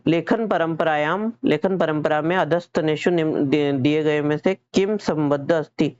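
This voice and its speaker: A man's voice: on the high side, a little mellow, dry recording, muffled recording. A male teacher with a Hindi accent, explaining exam questions step by step, asking questions and answering them himself, often repeating and correcting his own words. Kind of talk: exam-prep lesson.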